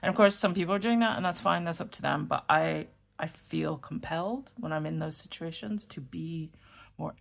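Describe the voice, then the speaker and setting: With a low voice and vocal fry, a fountain pen vlogger from New York rambles a little in casual chat as she writes in a notebook. She has a New York accent, corrects herself, and murmurs while writing.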